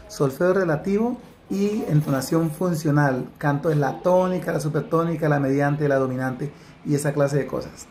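A music teacher with a slightly high, somewhat mellow male voice leads a solfège lesson, walking through exercises step by step over faint background noise. His explanation is slow and deliberate, and he breaks into sung note names, rhythm syllables and counted beats.

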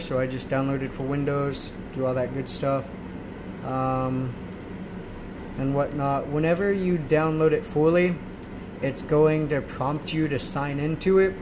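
A man with a higher-pitched voice hosts a loose, meandering software tutorial from a room in his home, constantly tossing in "right?". The handheld-camera recording is noisy and amateur, with steady background noise clearly audible.

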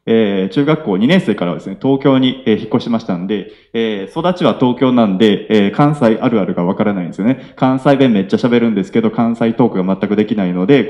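A man in his late twenties with a Kansai accent, giving a polite self-introduction at a local meetup, often pausing on filler sounds. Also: on the low side, lo-fi sound. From Nara, Japan. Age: 20s. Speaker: young entrepreneur presenter. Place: event hall with audience.

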